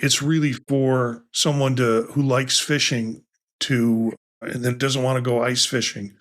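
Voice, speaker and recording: Here a man co-hosts a casual tech podcast at a mid-range pitch, talking into a podcast mic. He rambles, restarts his sentences and drifts into asides as he goes. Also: little pitch movement, a little slow, a bit bright. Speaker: podcast co-host.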